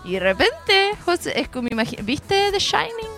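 A woman with a Chilean accent, a radio co-host chatting casually, telling a story with animated energy and frequent laughter. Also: extremely high pitch, normal speed, soft background music. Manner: animated storyteller, laughing often, lots of slang.

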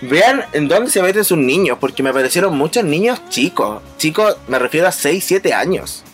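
Chatty young Chilean man, highish voice. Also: a little fast, faint music behind. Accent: Chilean Spanish. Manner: animated storytelling, mimics voices and laughs often. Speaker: podcast host. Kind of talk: casual chat.

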